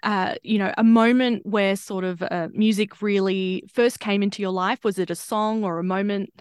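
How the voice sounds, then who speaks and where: A woman's voice: mid-range voice, steady tone, moderate pace, clean tone, dry recording, studio quality. A woman interviewing a guest, asking curious, encouraging questions with filler words along the way.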